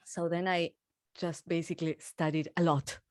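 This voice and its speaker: A woman's voice: fairly low pitch, little pitch movement, normal speed, a little mellow, no echo. A woman from Argentina, a musician in her thirties, chatting in an interview and laughing often. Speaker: musician guest. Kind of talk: casual interview conversation.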